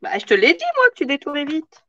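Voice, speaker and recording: A woman's voice: sits high, wildly swooping pitch, fast, bright, forceful tone, highs cut off, slight background noise. A woman hosting a live craft tutorial in casual chat, answering viewer comments as she works.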